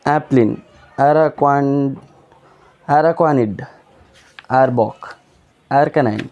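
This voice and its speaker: A young man casually reading aloud a long list of names for his viewers, sounding them out slowly and often stumbling and repeating them. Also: medium pitch, darkish tone, dull audio. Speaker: YouTuber reading Pokémon names.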